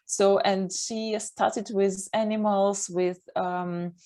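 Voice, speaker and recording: A woman on a video call, speaking English slowly and haltingly as a learner. She stops often to find the right words in a casual chat. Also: mid-range voice, fairly even intonation, mellow.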